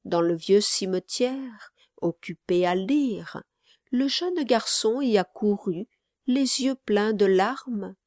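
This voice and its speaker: A woman reading a classic novel aloud as audiobook narrator, slow and measured. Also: medium pitch, darkish tone, no room sound, studio quality. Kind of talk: scripted narration.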